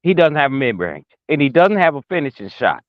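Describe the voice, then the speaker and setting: A man's voice: fairly high pitch, very animated, brisk, no echo, phone-quality sound. A man arguing his side in a heated casual basketball debate, stumbling over fillers and restarts. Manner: hesitant, many fillers and restarts, gets talked over. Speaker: guest debater.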